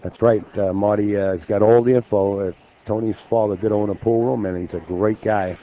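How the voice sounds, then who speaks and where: A man's voice: fairly low pitch, fairly even intonation, fairly quick. A man doing play-by-play commentary on a pool match, calling the score and bantering with jokes. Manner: joking, calls the score and banters. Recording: dull lo-fi stream audio with faint noise.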